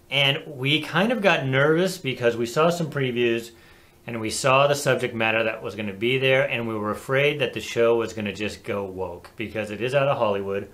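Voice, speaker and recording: A man co-hosting a casual talk show, animated and chatty, laughing easily. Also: medium pitch. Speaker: co-host. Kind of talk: casual chat.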